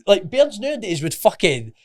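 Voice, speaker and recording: A man's voice: sits high, sing-song, normal speed. A man, a podcast guest talking emphatically in casual chat and swearing freely. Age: 30s.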